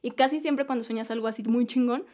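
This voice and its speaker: A young adult woman with a Mexican accent telling stories in casual chat, slangy and quick to laugh. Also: fairly high pitch. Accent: Mexican Spanish. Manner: slangy, laughs often, animated storytelling.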